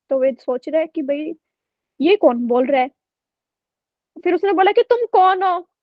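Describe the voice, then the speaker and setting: A woman teacher with a high voice tells her online class a story, chatting away and often checking in with an "okay?". The recording is muffled with no echo.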